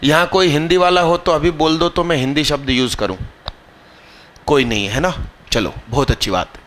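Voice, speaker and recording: A man teaching math live to a class, quizzing students, drilling terms slowly and scolding anyone not paying attention. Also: a little high, a bit bright. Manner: scolding, teasing students mid-lesson.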